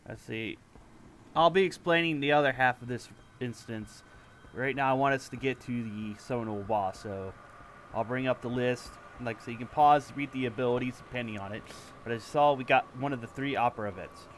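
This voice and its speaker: A man's voice: medium pitch, brisk, a little hiss or hum. A man giving casual walkthrough commentary on a video game. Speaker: gamer making a walkthrough.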